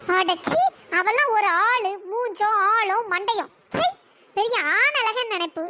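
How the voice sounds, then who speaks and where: A woman voicing a brash young female best friend who scolds bluntly, in a cartoon story with a pitch-raised voice. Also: unhurried, heavy background noise. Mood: scolding.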